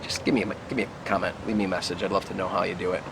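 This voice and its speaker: A man giving a casual, unhurried review to camera outdoors, musing and trailing off as he puffs on a pipe. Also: sits low, little pitch movement. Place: outdoors in the wind. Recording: noisy outdoor recording with wind and traffic.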